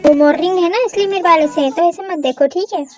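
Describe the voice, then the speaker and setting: A woman's voice: very high voice, fast, faint music behind. A woman voicing an eager, fond young husband in a fan audio drama. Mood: coaxing.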